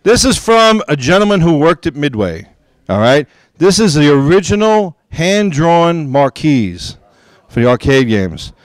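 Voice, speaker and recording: A man working as an auctioneer at a convention, calling out bids in an upbeat, coaxing, rapid-fire way. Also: fairly high pitch, big pitch swings, no room sound. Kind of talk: live auction bid calling. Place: gaming convention event.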